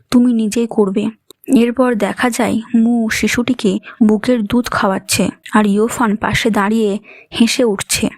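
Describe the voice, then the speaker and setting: A woman narrating a movie recap as a steady scripted story, reading every character's lines in the same even tone. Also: fairly high pitch, no room sound.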